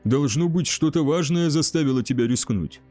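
A man voicing a bold young barbarian swordsman in an audiobook, gruff and wry. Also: fairly high pitch, moderate pace, a little mellow, dry recording, faint music behind, close to an everyday voice. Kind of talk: audiobook character voice.

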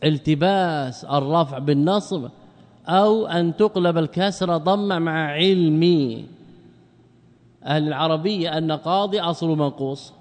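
A man teaching Arabic grammar in a classroom lecture, asking rhetorical questions, answering them himself, and slowing down to spell out word forms. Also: a little high, a little mellow, big-room sound.

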